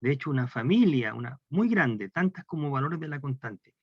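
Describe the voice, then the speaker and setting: A man lectures on math, taking calculus step by step and questioning the class, in a Chilean Spanish accent. His mid-range voice is expressive and has a breathy edge, at a moderate pace. The recording is dry, dull and lo-fi, with no room sound.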